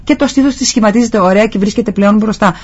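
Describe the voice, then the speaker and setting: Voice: medium pitch, darkish tone, breathy edge. A guest on a talk show explaining posture and treatment, earnestly advising listeners. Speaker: guest physiotherapist. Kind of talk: explanatory interview answers. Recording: dull lo-fi sound.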